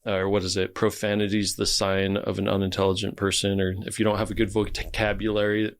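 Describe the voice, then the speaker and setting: Male podcast host with a somewhat low voice, easygoing and thoughtful. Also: monotone, a little fast, smooth. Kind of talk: casual podcast conversation.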